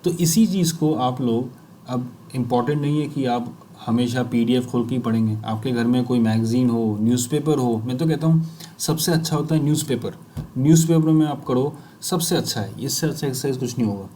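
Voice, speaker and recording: A man with an Indian accent coaching people who stammer, mixing Hindi and English and reading English sentences one word at a time with pauses. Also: medium pitch, dark tone, a little hiss or hum. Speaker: speech fluency coach. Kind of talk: slow instructional demonstration.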